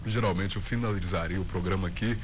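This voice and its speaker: Playful Brazilian radio DJ, distorted clipping mic. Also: male voice, deep voice, steady tone, fast. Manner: playful, self-teasing, chatty. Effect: clipping, distorted overloaded mic. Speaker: radio DJ taking listener requests. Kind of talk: casual live radio chat. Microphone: studio radio mic. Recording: overdriven radio mic with background music. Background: music playing under the voice.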